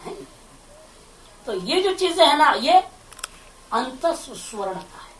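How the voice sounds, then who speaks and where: A woman's voice: high voice, big pitch swings, takes it slowly, slight background noise. A woman, a spiritual teacher, giving a scripture commentary lecture, explaining Sanskrit phrases line by line and asking rhetorical questions. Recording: echoey room, far from the mic.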